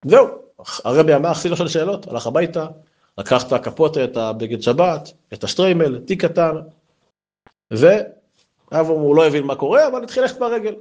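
A man telling a folk tale in a lively, animated way, acting out the quoted speech. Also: fairly high pitch, highs cut off. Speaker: storyteller.

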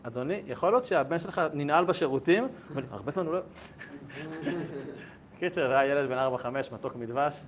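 Over a faint rumble on a dull, lo-fi recording, a man leads his yeshiva students through a Torah lesson. He's a rabbi with a chatty, animated style, recounting an anecdote and breaking in with humorous asides and questions for the class.

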